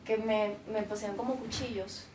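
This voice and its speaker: A woman's voice: medium pitch, fairly even intonation, normal speed. A woman telling her testimony in a casual, chatty way, often repeating herself. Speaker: church member giving testimony. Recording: roomy, mic at a distance, faint room noise.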